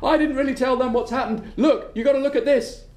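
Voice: sits high, steady tone, brisk, a little mellow, roomy sound, pitched above the performer's own voice, close to an everyday voice. A storyteller voicing a worried, hardworking foreman who talks in an urgent, insistent way and repeats himself. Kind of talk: oral storytelling.

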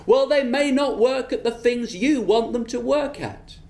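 A storyteller voicing an old witch in a high, quick voice with breathy exclamations. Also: darkish tone, roomy sound, lightly acted. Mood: calm, knowing. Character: old female witch, calm, knowing, delighted. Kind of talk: oral storytelling.

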